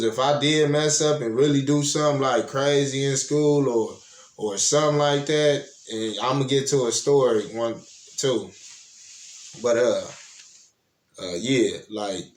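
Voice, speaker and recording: Laid-back man telling stories in a roomy space. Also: mid-range voice. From Toledo, Ohio, US. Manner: rambling and laid-back, often adds "you know what I'm saying". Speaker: host. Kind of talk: casual personal storytelling. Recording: roomy echo.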